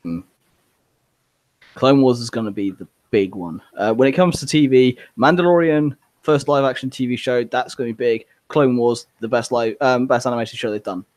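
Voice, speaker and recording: A man co-hosting a podcast in relaxed casual chat, agreeing and plugging the show. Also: mid-range voice, moderate pace, no room sound. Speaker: podcast co-host.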